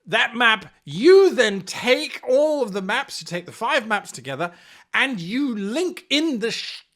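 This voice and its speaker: A man hosts a tabletop role-playing lesson, giving game master advice in a theatrical, exaggerated style and acting out mock dialogue. His voice is very high-pitched, sing-song, a bit bright and unhurried.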